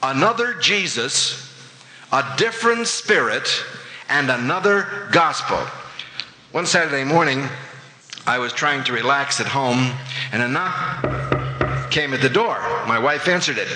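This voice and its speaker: A man preaching a sermon, telling an animated anecdote and acting out the voices of the people in it. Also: mid-range voice, slow. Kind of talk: sermon with storytelling. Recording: echoey hall with long reverb.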